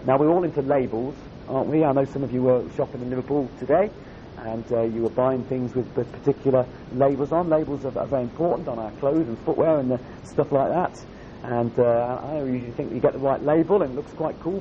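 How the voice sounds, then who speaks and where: A croaky-voiced man preaches to young people at a camp in a conversational style, using emphatic repetition. The lo-fi recording sounds dull and carries a faint rumble.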